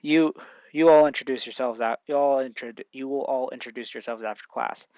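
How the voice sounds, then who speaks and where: Man playing a curt weary teacher, gravelly, muffled dry recording. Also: mid-range voice, steady tone, brisk, a little mellow, no room sound, pitched below the performer's own voice, close to an everyday voice. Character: gruff tired male teacher.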